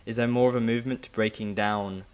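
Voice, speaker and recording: A man hosting a podcast interview, asking long, measured, winding questions. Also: on the low side, fairly even intonation, clear, resonant tone. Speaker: podcast host. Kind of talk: conversational interview.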